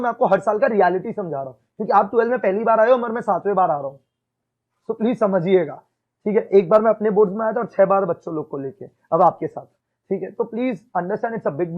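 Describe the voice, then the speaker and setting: A man's voice: high-pitched, phone-quality sound. A male accounts teacher giving a classroom lecture in mixed Hindi and English, often checking "ठीक है?" and quizzing his students.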